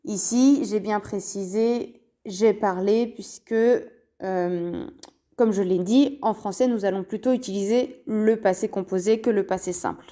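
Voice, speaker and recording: Slow, careful woman teaching a lesson. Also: mid-range voice, warm tone. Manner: slow, careful, spells out endings and repeats key forms. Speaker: Spanish teacher. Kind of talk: language lesson explained in French.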